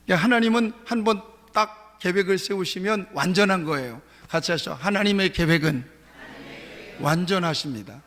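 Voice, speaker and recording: A man's voice: high-pitched, moderate pace, a bit bright. A male pastor preaching a sermon in a church sanctuary, emphatic, often repeating his key phrases. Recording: reverberant church hall.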